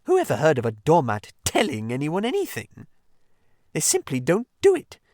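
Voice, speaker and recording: A man's voice: fairly high pitch, wildly swooping pitch, a little slow, dry recording, studio quality, voice pushed up, heavily acted. A man voicing a fussy, pettish male mole who is stubborn and literal-minded, speaking in a prim, indignant way.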